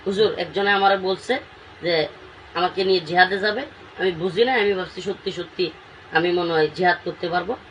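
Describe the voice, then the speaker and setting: A man's voice: high-pitched, fairly even intonation, normal speed, a bit bright, lo-fi sound. A man, speaking as a cleric in an interview, emotional and pleading, with emphatic outbursts. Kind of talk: impassioned interview talk. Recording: distant mic with faint background noise.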